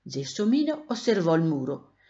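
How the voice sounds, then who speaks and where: A woman narrating a children's story aloud, expressive and animated, in a dull lo-fi recording. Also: deep voice, moderate pace.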